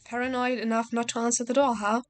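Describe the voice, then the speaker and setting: A woman's voice: a little high, little pitch movement, fast, faint music behind, natural voice. A woman voicing a stern young man from a visual novel who lectures the player curtly.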